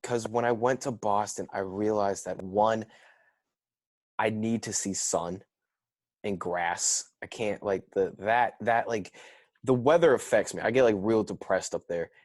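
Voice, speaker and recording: Low-voiced Southern man, laid-back. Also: unhurried, darkish tone, no echo, clean studio sound. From Georgia. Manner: rambling, laid-back storytelling. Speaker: comedian guest. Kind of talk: casual podcast chat. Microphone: video call.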